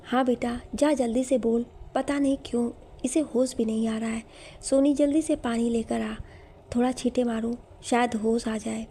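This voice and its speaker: A woman's voice: fairly high pitch, fairly even intonation, moderate pace, dark tone, a little hiss or hum, close to an everyday voice. A woman storyteller voicing a worried, bossy elderly grandmother in a spoken storybook. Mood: anxious.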